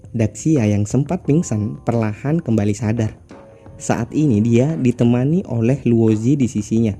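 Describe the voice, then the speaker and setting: A man's voice: mid-range voice, dark tone. A man narrating a comic story recap casually, with explanatory asides to listeners.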